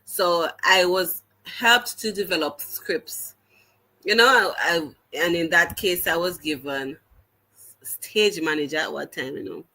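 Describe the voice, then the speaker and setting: On a low-quality recording, a woman with a low, sharp-toned voice and a Jamaican accent speaks as an interview guest. She's a teacher, telling her story earnestly through many restarts and occasional patois.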